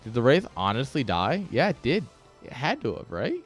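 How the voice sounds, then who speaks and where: A man's voice: medium pitch, wildly swooping pitch, normal speed, husky, faint music behind. A man giving casual esports commentary with joking, sarcastic asides.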